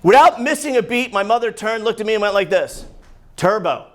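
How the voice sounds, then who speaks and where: A man from New Jersey with a New Jersey accent doing a brash, profane stand-up set, singing and shouting bits on a comedy club stage. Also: sits high, animated, brisk, very noisy. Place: comedy club stage before a laughing audience. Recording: live club crowd audible.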